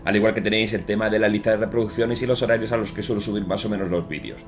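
Man, Castilian Spanish accent, low voice, chatty gameplay streamer, jokey, informal, light game music behind. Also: fairly even intonation, very fast. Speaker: gaming streamer. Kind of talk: casual gameplay commentary.

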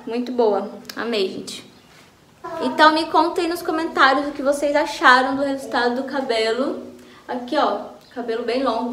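A woman's voice: sits high, fairly bright tone. A Brazilian woman with a Brazilian accent, chatting enthusiastically in a casual beauty vlog from her home. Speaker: vlogger. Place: home, bathroom then by a window. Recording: echoey room with faint noise.

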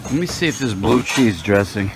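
Holding his phone as he walks around a buffet, a male food vlogger films himself and talks through the food casually, full of fillers. He has a fairly low, expressive voice at a moderate pace, with noise in the background.

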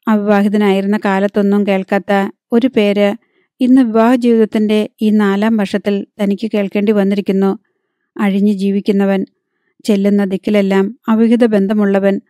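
A woman narrating a novel as an audiobook in a measured, dramatic reading. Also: mid-range voice, dark tone, no echo, clean studio sound.

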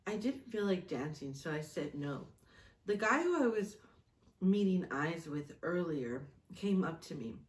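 A vlogger mom in her late thirties sits at a table in a small indoor room, reading her old journal aloud with casual asides. Her low voice moves at a measured pace, expressive and giggly, and she often interrupts herself; the recording has a roomy echo from a distant mic.

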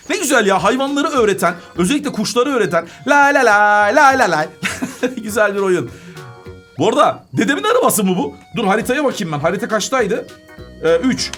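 A woman narrates her gameplay for young viewers in a chatty, playful way, breaking into sing-song tunes. Her pitch leaps around, swooping up and down through every sentence, with soft music playing underneath. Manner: chatty and playful, sings little tunes and giggles. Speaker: kids' gaming channel host. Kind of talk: playful game commentary for children.

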